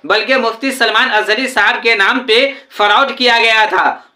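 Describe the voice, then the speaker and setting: A video presenter reads a scripted explanation in a fairly high, bright, forceful female voice. Noticeable room echo surrounds her.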